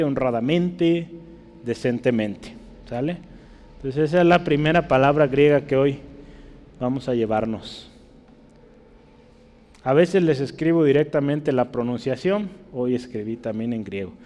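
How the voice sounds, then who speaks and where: A man teaching a casual Bible class as a pastor, chatty and checking in with his listeners, stretching out key words slowly to stress them. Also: medium pitch, darkish tone. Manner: chatty, keeps checking in with the room. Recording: long reverb in a hall.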